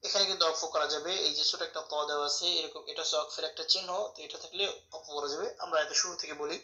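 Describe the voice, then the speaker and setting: A man teaching a tajweed lesson, spelling out letters and vowels slowly and carefully. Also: fairly high pitch, steady tone, pushed and bright. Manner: slow, methodical spelling of syllables, drawn-out chanted recitation. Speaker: Quran recitation teacher. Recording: echoey room, dull lo-fi sound.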